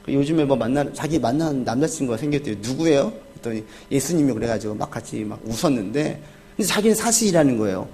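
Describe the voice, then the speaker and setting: A male pastor giving a Sunday sermon, asking the congregation questions and answering them himself, dropping to quiet asides and rising to loud cries when he acts out the crowd. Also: animated, fast. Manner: swings from soft, low asides to loud, high cries when acting out the crowd and the beggar.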